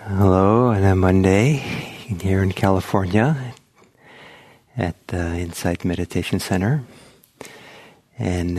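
A man leading a guided meditation talk at a meditation center, speaking slowly and gently with frequent pauses. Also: low voice. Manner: slow, gentle, pausing often. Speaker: meditation teacher.

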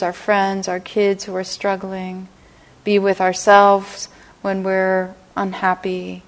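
A middle-aged woman teaching a meditation class, speaking gently and unhurriedly and often checking in with her listeners. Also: medium pitch. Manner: gentle, unhurried, lots of "right?" and "you know". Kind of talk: dharma talk to a class. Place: meditation hall.

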